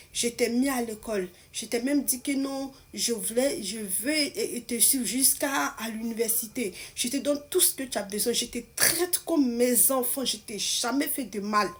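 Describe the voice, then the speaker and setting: A woman's voice: fairly high pitch, normal speed, hardly any pauses, lightly acted. A woman voicing a pleading, tearful mother. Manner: pleading, reproachful. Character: distraught adoptive mother confronting teenage girl.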